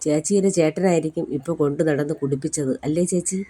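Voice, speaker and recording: A woman's voice: low voice, fast, dark tone, breathy edge. A woman voicing an anxious young woman who speaks in an earnest, pleading way.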